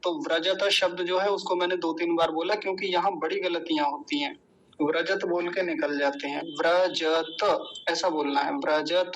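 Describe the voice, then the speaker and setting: A man teaching the correct pronunciation of a Sanskrit mantra, repeating each word slowly and chanting the full verse. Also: high-pitched, poor audio. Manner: slow, deliberate syllable-by-syllable drilling. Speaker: Vedic recitation teacher.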